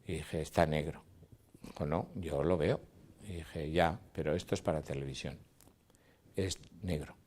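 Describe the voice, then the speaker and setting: A man's voice: rumbling low, measured pace, pauses often, a little mellow. An older man, a cinematographer telling stories in an interview, acting out dialogue and sounds. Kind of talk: interview reminiscence.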